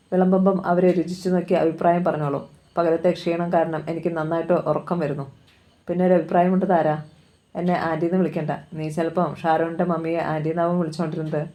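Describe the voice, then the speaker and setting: Flat-toned woman reading a novel. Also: lowish voice. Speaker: novel reader.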